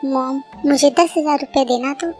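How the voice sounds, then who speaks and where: A woman's voice: high voice, moderate pace, mellow, faint music behind, natural voice. A woman voicing a bossy, arrogant young bird girl. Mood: haughty. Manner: bossy, snapping.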